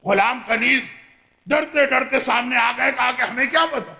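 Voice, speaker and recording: A male preacher narrating a mourning sermon in an impassioned, declamatory way that often rises to a shout. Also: very high-pitched, vocal fry. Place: Islamic center gathering hall.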